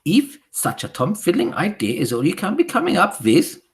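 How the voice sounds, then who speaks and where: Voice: medium pitch, wildly swooping pitch, normal speed, pitched above the performer's own voice. A reader voicing a tiny, furious female witch leader who screeches and speaks with odd foreign-sounding grammar, in an audiobook. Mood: raging. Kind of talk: audiobook character voice.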